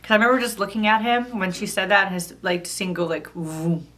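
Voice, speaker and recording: A woman's voice: medium pitch, fairly quick, a bit bright. A thirty-year-old woman vlogging, telling a personal story in a chatty, casual way with lots of "like". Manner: chatty, fillers of "like" throughout.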